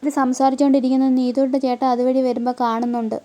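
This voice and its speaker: A woman retelling a serial episode in a quick storytelling manner, reading every part in one plain voice. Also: sits high, little pitch movement, mellow. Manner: reads all parts in one plain voice.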